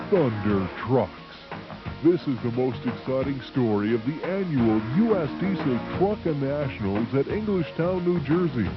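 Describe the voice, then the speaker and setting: A man's voice: mid-range voice, dull audio. A man doing a punchy, hard-sell TV ad voice-over, heard from a worn VHS tape copy. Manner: punchy, hyped-up sales delivery. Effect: worn VHS tape copy sound. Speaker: commercial announcer. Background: music bed.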